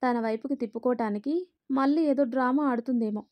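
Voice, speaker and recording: A woman voicing a bitter, sharp-tongued middle-aged mother-in-law who scolds and taunts in a raised voice. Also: on the high side, a little fast, lightly acted. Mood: scornful.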